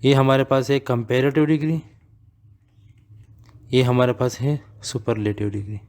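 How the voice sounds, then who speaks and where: Slow, deliberate male grammar teacher. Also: medium pitch, fairly even intonation, a little mellow. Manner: asks and answers his own questions, repeats key words; reads English examples slowly and deliberately. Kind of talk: classroom grammar lesson.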